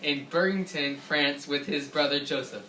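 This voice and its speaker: A man's voice: a little high, normal speed, sharp tone. Man, mock news anchor, casual, giggly reading, roomy echo, distant mic. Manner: casual, laughing while reading. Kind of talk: school-project mock newscast. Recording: echoey room, far from mic, background noise.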